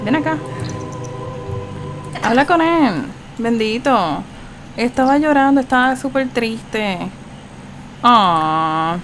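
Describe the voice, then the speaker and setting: A woman giving casual, chatty commentary over her gameplay, reacting with animated exclamations. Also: fairly high pitch, slow pace, a little hiss or hum. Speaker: gaming channel host.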